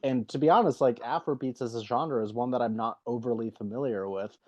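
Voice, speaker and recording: A man's voice: medium pitch, brisk, a little mellow. A man hosting an interview, chatty and enthusiastic, peppering his questions with "like" and "you know.". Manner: chatty, filler-heavy, enthusiastic. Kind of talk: casual interview talk. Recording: dull, muffled audio.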